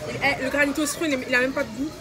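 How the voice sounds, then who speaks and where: A woman's voice: sits high, steady tone, rapid-fire. A woman, chatting casually in slang. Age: 20s. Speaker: vlogger. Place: outdoors at a busy funfair. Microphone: phone at arm's length. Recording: noisy outdoor fairground with crowd.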